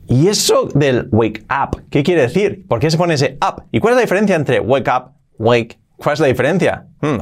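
A man, hosting a podcast as an English teacher in a casual lesson, who drills words by slow repetition and adds chatty asides. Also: medium pitch.

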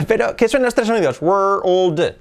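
A man's voice: fairly high pitch, fairly quick. A man whose first language is Spanish, teaching English pronunciation in a playful way, exaggerating sounds and joking with viewers. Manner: playful, exaggerated demonstrations of sounds, frequent laughs; direct address to viewers, lively. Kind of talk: pronunciation lesson for a video channel.

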